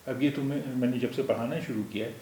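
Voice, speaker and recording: A man's voice: mid-range voice, steady tone, warm tone. A man teaching a language lesson, patiently explaining each point step by step and repeating terms. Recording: echoey room with faint noise.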